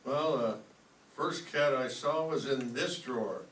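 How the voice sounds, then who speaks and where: An actor playing a pompous, flustered high school principal with a halting, blustering manner, in an old-time radio comedy style. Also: male voice, fairly bright tone, lightly acted. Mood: earnest, startled. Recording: roomy, distant stage pickup with background hiss.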